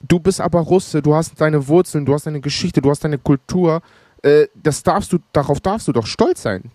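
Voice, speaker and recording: A man's voice: fairly high pitch, normal speed, a little mellow, no echo, clean studio sound. A man co-hosting a podcast, speaking earnestly in casual talk and repeating points for emphasis. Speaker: podcast co-host. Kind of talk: casual conversation.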